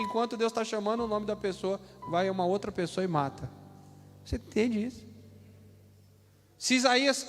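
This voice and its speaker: A high-voiced Brazilian pastor preaching live in a church hall, moving from relaxed, chatty asides to loud shouted readings of scripture. The sound has a long reverb, and music from instruments plays clearly behind him. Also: male voice. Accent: Brazilian Portuguese. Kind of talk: sermon.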